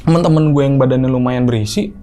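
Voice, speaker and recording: A young man casually telling a story, animated and acting out other people's voices. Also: medium pitch, fast. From Indonesia. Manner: animated, acts out quoted voices. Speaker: guest storyteller.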